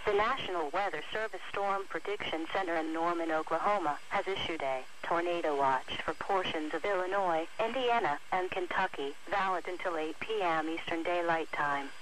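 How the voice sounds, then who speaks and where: A synthetic text-to-speech woman's voice, fairly low in pitch and fairly bright in tone, reads a scripted weather bulletin as an automated radio announcer. She keeps a moderate pace with few pauses, and the broadcast recording is noisy.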